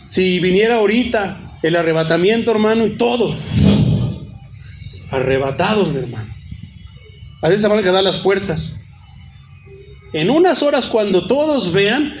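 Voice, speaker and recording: A man preaches in a notably high voice. He keeps calling the congregation brother and reels off chapter and verse. Faint music plays underneath. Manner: addresses listeners as brother, cites many Bible verses. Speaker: pastor. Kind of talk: sermon.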